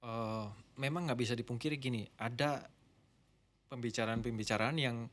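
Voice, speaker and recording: A middle-aged man, a pastor and marriage mentor, talking easily as a guest on a podcast, explaining in a relaxed way. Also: medium pitch, normal speed. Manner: relaxed, explanatory, drifts between formal and slangy Indonesian. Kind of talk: casual podcast conversation.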